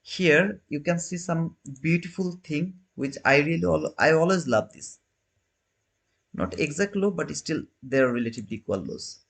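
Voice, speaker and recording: Here a thirtysomething man runs an easygoing trading livestream, replying to viewers' comments. His voice is a little high, expressive and fairly bright, with vocal fry and a moderate pace, and his phrasing is non-native and full of restarts.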